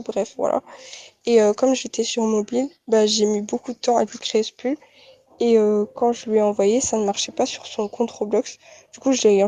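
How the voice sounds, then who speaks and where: A woman's voice: on the high side, mellow, no echo. A young woman giving a casual, rambling testimony full of fillers. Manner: rambling, many fillers like "et tout" and "bref". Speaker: testimony giver.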